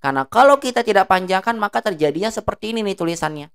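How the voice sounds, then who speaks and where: A woman teaching an Arabic class. She drills words slowly, stretching the long vowels, and asks the class check questions. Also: mid-range voice, expressive, clean tone.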